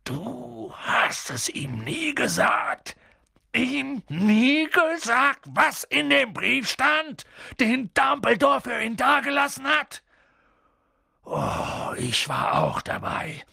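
A man reading an audiobook and voicing a huge, hot-tempered but kind male giant who swings between hushed whispers and booming shouts. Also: big pitch swings, unhurried, gravelly, slightly rough, no room sound, clean studio sound, exaggerated voice. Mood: indignant.

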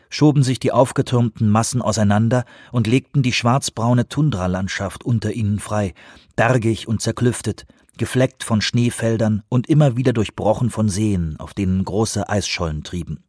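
Husky, low-voiced male audiobook narrator. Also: no room sound, studio quality. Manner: calm, measured reading. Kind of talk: scripted narration.

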